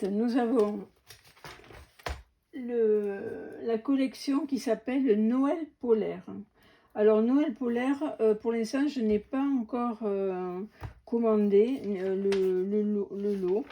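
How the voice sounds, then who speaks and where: A woman chatting through an unboxing of craft supplies, slow and hesitant with many fillers and restarts. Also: a little high, dark tone. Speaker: crafting vlogger. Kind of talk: casual unboxing commentary.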